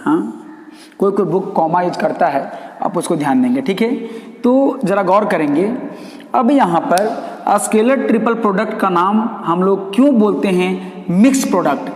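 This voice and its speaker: A man with a fairly high voice lectures a math class, repeating each key term and answering his own questions. His voice rings in a roomy space with a long echo. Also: animated, normal speed. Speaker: math teacher. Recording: echoey room with long reverb.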